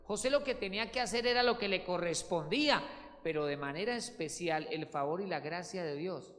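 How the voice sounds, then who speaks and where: A man's voice: high voice, fairly quick, fairly bright tone. Male pastor preaching in a reverberant hall. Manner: emphatic preaching, voice rising and falling widely; addresses listeners as brothers. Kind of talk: sermon.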